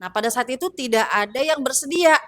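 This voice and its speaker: A woman recounting her time as a flight attendant in a casual, halting way with many fillers. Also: high voice, lively intonation, fairly bright tone, no room sound. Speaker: former flight attendant guest. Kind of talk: casual storytelling.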